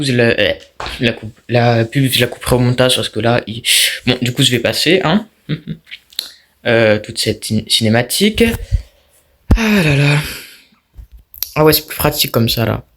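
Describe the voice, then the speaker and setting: A man's voice: medium pitch, fairly bright tone. Jumpy young man playing a horror game. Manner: jumpy, talks to himself and viewers while playing. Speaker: gaming YouTuber. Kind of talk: casual let's-play commentary.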